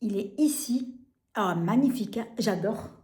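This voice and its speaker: A French woman showing makeup on camera, gushing about each product and filling pauses with hesitations and repeated words. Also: mid-range voice, expressive, warm tone. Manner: gushing, enthusiastic over products. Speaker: beauty vlogger. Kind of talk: casual product demo. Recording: echoey room.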